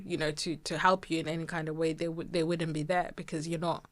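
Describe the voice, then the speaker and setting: Podcast co-host, female, lowish voice, relaxed reflective chat with frequent restarts. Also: fast talker. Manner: reflective, trails off with repeated words. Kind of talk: casual chat.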